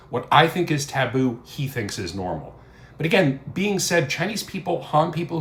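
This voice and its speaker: A man's voice: mid-range voice, echoey room, slight background noise. A man hosting a reaction commentary, scolding and indignant as he rebuts a clip. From United States. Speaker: commentary host.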